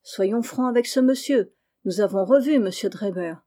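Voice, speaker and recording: A woman reading the part of an honest young woman who speaks calmly and firmly, in an audiobook. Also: mid-range voice, moderate pace, natural voice. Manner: calm and firm. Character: calm, honest young woman, firm and clear.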